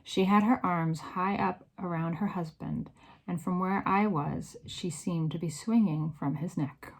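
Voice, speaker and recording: A woman reading a children's novel aloud in an expressive, varied storytelling manner. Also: fairly low pitch, measured pace, vocal fry, low-quality recording. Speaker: read-aloud narrator.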